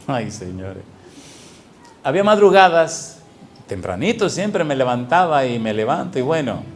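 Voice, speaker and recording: Middle-aged male pastor, a bit high-pitched, animated sermon delivery with call-and-response questions. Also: slight background noise. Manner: animated, asks the congregation repeated questions. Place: church sanctuary.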